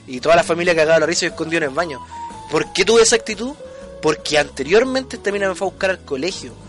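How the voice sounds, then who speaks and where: A man's voice: a little high, expressive, faint music behind. A young Chilean man telling stories in casual slangy podcast chat, acting out voices. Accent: Chilean Spanish. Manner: slangy, rapid storytelling, acts out voices. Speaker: podcast co-host.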